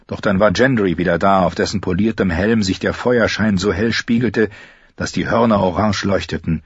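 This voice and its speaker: A man's voice: low-pitched, moderate pace, husky, no room sound, muffled recording. A man reading a fantasy novel aloud as an audiobook narrator, telling it steadily and raising his voice for the characters' lines.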